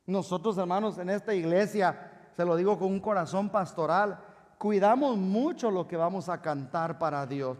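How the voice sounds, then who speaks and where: A man preaching a sermon as pastor, calling on the congregation to answer and dropping to a soft, confiding voice for stories. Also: sits high. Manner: calls out to the congregation for responses; drops to a soft confiding voice for anecdotes. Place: church sanctuary. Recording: long hall reverb.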